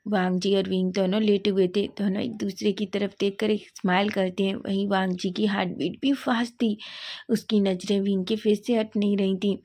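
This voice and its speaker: Female storyteller with a mellow, warm tone; reads every character's lines in her own voice. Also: medium pitch, little pitch movement, normal speed. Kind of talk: narrating a fan story aloud.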